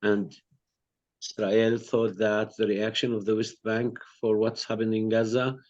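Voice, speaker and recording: On a muffled recording, a panelist from Palestine, co-director of a peace network, talks earnestly in an online discussion, frequently repeating words as he gropes for phrasing. He speaks unhurriedly and flatly in a lowish, slightly mellow voice.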